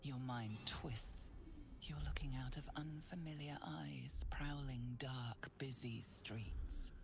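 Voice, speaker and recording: An actress voicing an ominous, all-knowing narrator in a video game, half-whispered and gravelly. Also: female voice, a bass voice, slow, over music, heavily acted.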